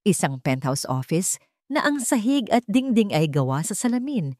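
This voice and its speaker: Reading a scripted dramatic story as narrator, this Filipino-accented woman uses a medium-pitched, darkish voice with wide pitch swings at a moderate pace. The sound is clean studio audio without any room sound.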